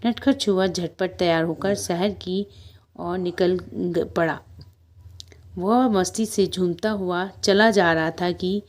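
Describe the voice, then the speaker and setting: A young woman teacher reading a children's story aloud to a primary class, going slowly, repeating lines and asking the children questions. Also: lowish voice, steady tone, a little mellow, slight background noise. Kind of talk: storybook lesson reading with explanations.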